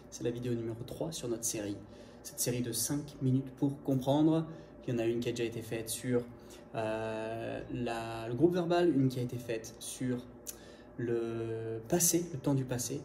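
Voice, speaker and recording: A man teaching in a lively video lesson, rushing through points and speaking straight to his viewer. His voice is mellow and dark, and it rings in an echoey room with a faint hum of ambience behind it. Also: mid-range voice. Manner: lively, fast, direct to viewer. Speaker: English teacher.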